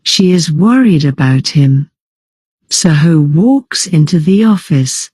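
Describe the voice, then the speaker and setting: Woman reading a slow easy story for english learners, breathy, dry close sound. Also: deep voice, lively intonation, dark tone, dry recording. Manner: slow, simple, clearly paced sentences. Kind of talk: slow scripted story narration.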